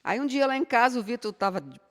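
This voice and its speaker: A woman's voice: on the high side, quick pace. A middle-aged Brazilian woman giving an informal spiritual lecture, chatty and full of rhetorical questions. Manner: conversational, rhetorical questions with frequent tag "né?". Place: spiritist center hall. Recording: long hall reverb.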